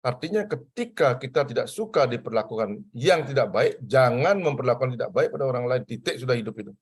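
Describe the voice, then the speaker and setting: An older man from Bali lectures civil service trainees in a lively, animated way. He preaches his points with conviction and drops in casual Javanese phrases. His pitch sits in an ordinary middle range. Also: fast talker, slightly rough.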